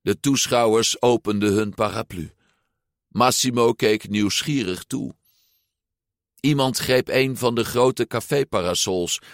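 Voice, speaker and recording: A man reading a children's storybook aloud as narrator, expressive and acting out the figures. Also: mid-range voice, measured pace, dry recording, clean studio sound. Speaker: audiobook narrator.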